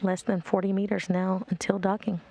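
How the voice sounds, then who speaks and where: Female live commentator, medium pitch with noticeable vocal fry. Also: flat delivery, brisk, dark tone. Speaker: broadcast commentator.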